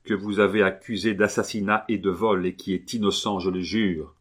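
A man's voice: deep voice, fairly even intonation, moderate pace. A man playing a grave young monk who speaks firmly and with control. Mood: stern.

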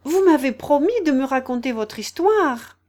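A woman's voice: sits high, lively intonation, moderate pace, darkish tone, pitched above the performer's own voice. A woman voicing Alice, a curious, polite young girl who talks earnestly and a little apologetically. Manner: eager, earnest, slightly apologetic.

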